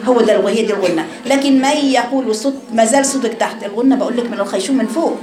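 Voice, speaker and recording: Fast-talking Egyptian woman teacher. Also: fairly high pitch, roomy sound, a crowd in the background. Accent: Egyptian Arabic. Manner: asks questions and demonstrates sounds. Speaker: Quran recitation teacher. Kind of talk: classroom lesson.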